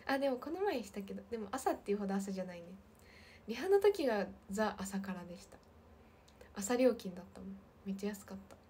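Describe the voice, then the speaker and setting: A woman in her twenties with a light lilt, chatting casually on a livestream and reading viewer comments, often slipping into soft half-whispers. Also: medium pitch, very animated, a little fast, a little hiss or hum. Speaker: idol livestream host.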